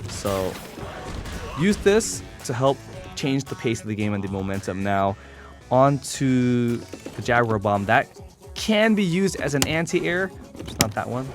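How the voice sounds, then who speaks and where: A man gives a casual, informal video game tutorial as a competitive gamer presenting a character guide, explaining step by step with blunt asides. His medium-pitched voice has big pitch swings and an unhurried pace. Loud video game music plays under his voice.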